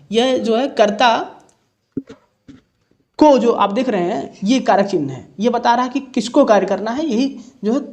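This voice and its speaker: A man's voice: high-pitched, darkish tone. Male tutor solving a past exam paper, patient and methodical, repeats key definitions. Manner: explains step by step, repeats each definition. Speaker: teacher. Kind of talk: exam paper solution lesson.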